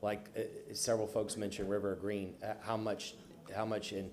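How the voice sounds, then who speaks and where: A man on a city council, questioning staff at a public budget hearing in a halting way, with many restarts. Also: lowish voice, flat delivery, darkish tone, a little hiss or hum. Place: council chamber.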